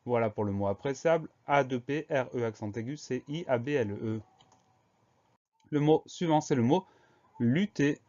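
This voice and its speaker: A man's voice: mid-range voice, normal speed, a little mellow. A man teaching a spelling lesson for schoolchildren, patiently spelling each word out letter by letter and repeating it. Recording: dull lo-fi recording.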